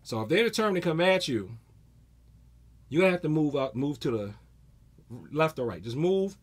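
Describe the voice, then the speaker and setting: A man's voice: on the high side, moderate pace, breathy edge. A man in his forties, a martial arts instructor, giving a casual self-defense talk and acting out stories with energy. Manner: animated storyteller, acts out scenes.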